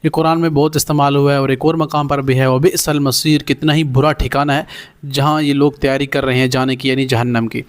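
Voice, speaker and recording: A man teaching Quranic Arabic in a recorded lesson, saying Arabic phrases slowly and then explaining them in plain terms. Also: medium pitch, level tone.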